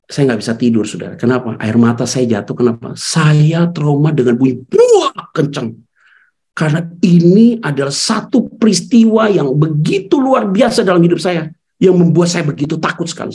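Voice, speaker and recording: Emotional male pastor telling a story. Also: medium pitch. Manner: emotional, swings from loud to hushed; keeps addressing the congregation as "Saudara". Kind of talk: storytelling sermon. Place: church service.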